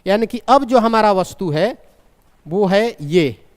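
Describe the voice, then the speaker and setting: High-voiced man teaching in an echoey room. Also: animated, slow. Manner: questioning, repeats key points. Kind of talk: live online physics class. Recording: long reverb from a large room.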